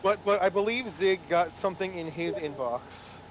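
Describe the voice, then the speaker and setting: A man's voice: high voice, normal speed, noisy background. A man in his twenties, a co-player on a game stream, joking and swearing in mock indignation. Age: 20s. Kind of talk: casual joking chat. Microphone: voice call mic.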